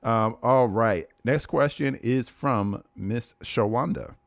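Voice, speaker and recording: A man's voice: mid-range voice, slow pace, gravelly, no echo. A man in his thirties co-hosting a casual livestream Q&A, laid-back and chatty, often laughing. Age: 30s. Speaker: livestream co-host.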